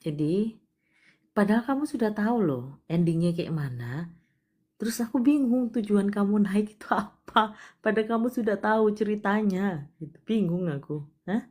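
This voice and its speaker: A woman hosting a live palm-reading stream, talking to a caller in a coaxing way and often dropping to a hushed voice. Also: medium pitch, lively intonation, normal speed. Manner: coaxing, repeatedly urging the caller to cry; drops to soft, hushed delivery.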